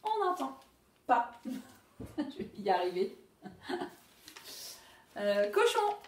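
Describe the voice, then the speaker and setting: A woman teaching a phonics lesson to young children, modelling words slowly and correcting herself with quick apologies. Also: far from the mic. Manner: slow, drawn-out word modelling with animated pitch; self-correcting, apologetic asides. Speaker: primary school teacher. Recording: echoey room, voice off-mic.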